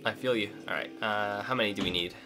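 A man's voice: fairly low pitch, fast talker. A man co-hosting a let's play, chatting casually and jokily while he plays, rambling with lots of "like"s. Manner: jokey, chatty, rambling with many "like"s. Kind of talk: casual gameplay chat.

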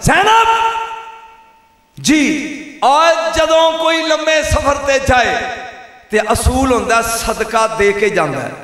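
A man with a Punjabi accent preaching an emotional sermon, moving from hushed storytelling to high wailing shouts and calling out to his listeners. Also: slow pace. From Pakistani Punjab. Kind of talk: impassioned religious sermon. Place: large gathering before a crowd. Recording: booming echo of a big hall.

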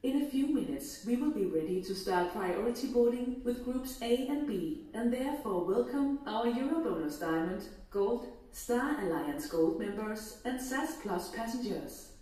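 A woman's voice: a little high, animated, moderate pace, few pauses, warm tone. A woman gate agent reading a scripted airport announcement for boarding. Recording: echoey airport PA, far from mic.

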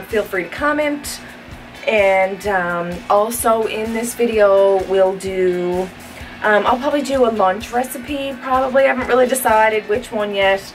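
A woman's voice: medium pitch, recorded from a distance, low-quality recording. A woman in her thirties, a fitness vlogger and trainer, chatting casually to the camera in her bedroom with lots of "um" fillers. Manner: chatty, frequent "um" fillers, upbeat. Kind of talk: casual vlog chat to camera. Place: bedroom with a walk-in closet, indoors.

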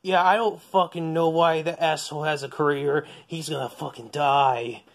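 A man's voice: fairly high pitch, fairly even intonation, normal speed, natural voice. A man voicing Vegeta, a proud, hot-tempered alien warrior, in a casual improvised toy-figure video, rambling, swearing and stammering. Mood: grumpy. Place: basement.

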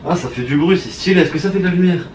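A young man with a French accent, chatting excitedly to viewers as he unboxes a collector's set. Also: sits high, fast, slight background noise. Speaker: YouTuber. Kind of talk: casual unboxing commentary.

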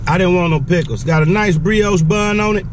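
A man's voice: high-pitched, normal speed. A laid-back man, co-hosting a casual food review and talking with his mouth full. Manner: laid-back, talks while chewing. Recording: clear street and traffic noise.

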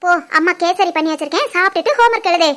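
A woman voicing a caring middle-aged wife and mother in an animated family story, with a southern Tamil Nadu accent and a brisk, homely, scolding manner. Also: very high voice. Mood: teasing.

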